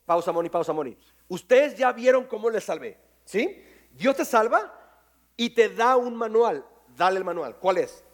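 Man, pastor, sermon, high voice, lively, jokey. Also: moderate pace. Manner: lively, jokey, quizzes the congregation. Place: church hall with congregation.

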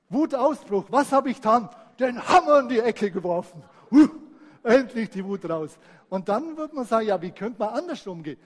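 Guy preaching a sermon, pretty high voice, long echo off the hall, gets loud then drops quiet. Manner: lively, swings between loud emphasis and quiet asides. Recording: reverberant hall.

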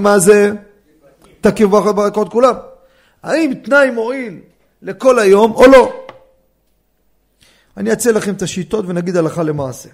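Rabbi man lecturing in a study hall, high voice w/ a gravelly edge, keeps throwing questions at the class. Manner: animated, fires rhetorical questions at listeners. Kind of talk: Torah law lecture.

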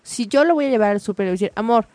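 A woman, chatting casually about parenting and telling a lively anecdote with acted-out voices. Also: mid-range voice, racing, no echo. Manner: animated storytelling, acts out voices in anecdotes.

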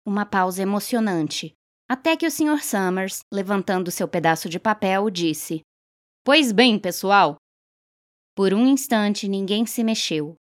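A woman reading a short story aloud in steady, clear narration. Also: mid-range voice. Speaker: reader.

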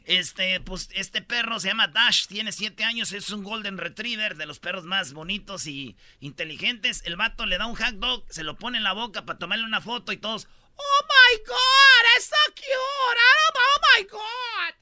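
Male Mexican radio host, high bright voice, close dry sound, playful slangy comic delivery. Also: moderate pace, few pauses, no room sound. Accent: Mexican Spanish. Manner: joking, slangy, acts out voices in quotes. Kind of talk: comic countdown of news items.

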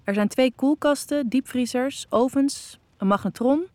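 A woman's voice: high-pitched, unhurried, a little mellow, no room sound, pitched above the performer's own voice. A woman reading a teasing young man. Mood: matter-of-fact.

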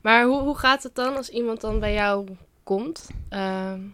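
A woman's voice: fairly high pitch, measured pace, a bit bright, a little hiss or hum. A woman hosting a podcast interview, asking questions in a friendly, chatty way. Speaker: podcast host.

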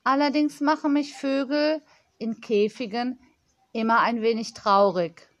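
A woman voicing a kind, soft-spoken adult nanny in an audiobook reading. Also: a little high, steady tone, measured pace, no echo, studio quality, lightly acted. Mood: gentle.

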